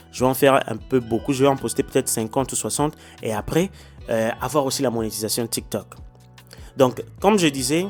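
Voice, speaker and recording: Speaking hesitantly over soft music, a man with a mid-range voice explains social media monetization in a casual YouTube tutorial with a screen demo. He lives in China, records indoors, and stumbles on English, which isn't his first language. He talks to viewers directly, full of fillers and restarts, often saying "ok?"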